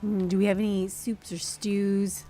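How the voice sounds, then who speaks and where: A woman's voice: medium pitch, little pitch movement, measured pace, warm tone, slight background noise. A woman streamer casually chatting through a game, laughing and thinking aloud to her viewers. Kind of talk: casual gameplay commentary to chat.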